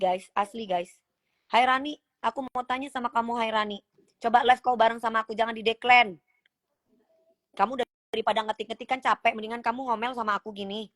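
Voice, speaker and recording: A woman's voice: a little high, a bit bright. A woman, hosting a phone livestream, reading comments aloud and teasing her critics in a sassy, confrontational way. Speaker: livestream host.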